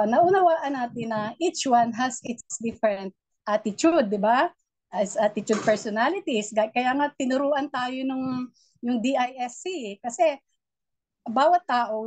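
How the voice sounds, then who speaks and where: A middle-aged woman gives a motivational training talk to her team. Her voice is naturally loud and fairly high, and she preaches encouragement in a steady flow. The sound is close and dry, with no room around it. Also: no echo. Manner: loud voice, warm and preachy, mixing English in. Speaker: network marketing mentor.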